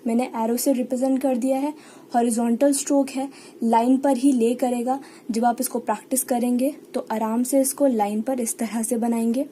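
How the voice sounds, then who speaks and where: Woman, Indian accent, shorthand teacher, patient and repetitive, high dark mellow voice, faint hiss behind. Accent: Indian English. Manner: patient, repeats key words and example sounds. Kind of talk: online lesson explaining step by step.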